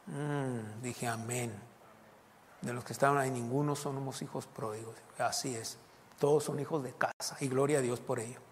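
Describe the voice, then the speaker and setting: A man's voice: mid-range voice, moderate pace, in a large hall, a little hiss or hum. A man preaching a sermon as pastor, telling stories with laughter and breaking into short prayers and praises. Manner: lively storytelling with laughter and prayer interjections. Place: church sanctuary.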